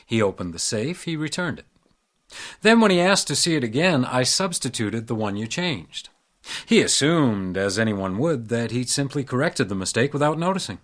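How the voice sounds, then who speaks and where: In a radio drama, a male actor plays a shrewd, composed hotel house detective, both speaking and narrating in a measured, wry manner. His mid-range, fairly bright voice has big pitch swings.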